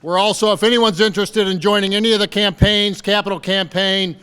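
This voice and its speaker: Speaking fairly quickly in a high, clean and slightly bright voice with fairly even intonation, a fundraising campaign speaker rallies a lakeside party crowd. He keeps repeating rousing calls for people to commit, and his words ring out as if in a large hall.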